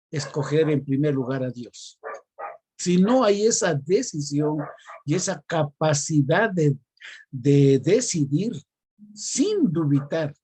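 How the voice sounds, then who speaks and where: A man's voice: fairly high pitch, dark tone, slight background noise. An older man giving an earnest testimony in a Bible study, repeating phrases for emphasis. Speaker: church elder sharing a testimony.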